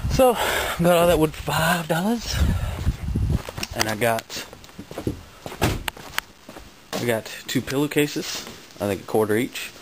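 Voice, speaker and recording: A man with a fairly high voice talks slowly, leaving long pauses, as a vlogger showing off his finds. He chats casually in a rambling, slangy show-and-tell with laid-back phrasing. It's recorded on a noisy amateur home video.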